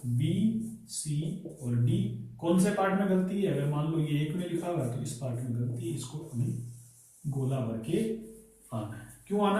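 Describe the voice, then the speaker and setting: A man's voice: a little high, warm tone. Guy teaching grammar to a class, keeps asking questions back at them, big echo, mic far away. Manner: explains with rhetorical questions. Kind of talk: classroom lecture on English grammar. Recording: very echoey room, voice from far off.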